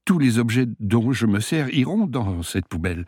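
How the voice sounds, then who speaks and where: A man reading aloud, voicing a gentle, uneasy young priest who speaks in a soft, restrained way. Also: mid-range voice, big pitch swings, normal speed, slightly rough, no echo, studio quality, voice pushed up.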